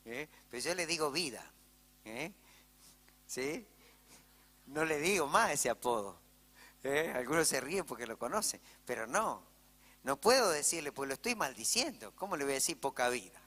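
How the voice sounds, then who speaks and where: A man's voice: on the high side, sing-song, moderate pace, pauses often, bright, forceful tone. A male pastor with an Argentine Spanish accent preaching a sermon in church, telling stories conversationally and checking in with "¿sí?". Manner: conversational storytelling, frequent "¿sí?" asides to the congregation. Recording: church hall reverb.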